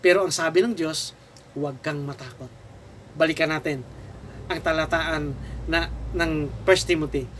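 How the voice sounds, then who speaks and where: A man's voice: on the high side, fairly even intonation, moderate pace, pauses often, a bit bright, a little hiss or hum. A man preaching a sermon as pastor, with a Filipino accent. He reads scripture aloud and speaks straight to the congregation as sir, ma'am, ate and kuya.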